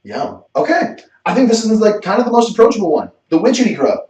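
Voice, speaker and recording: Lively, swearing male vlog host. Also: sits high, fast. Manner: energetic, jokey, swears freely. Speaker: cooking channel host. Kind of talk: casual countdown vlog. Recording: roomy echo, distant mic.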